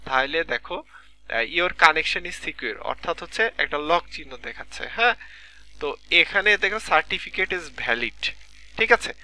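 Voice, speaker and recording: A man's voice: on the high side, expressive, a little slow, bright, forceful tone. A man teaching a live online class from a computer mic, explaining step by step and checking in with students often, with a Bangladeshi Bengali accent. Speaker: lecturer.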